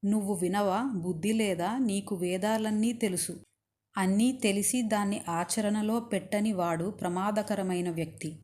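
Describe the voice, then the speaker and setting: Give me a stern captive queen lecturing a king, read by a woman storyteller, warm and mellow. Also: mid-range voice, moderate pace, lightly acted. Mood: stern reproach. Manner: scolding, lecturing.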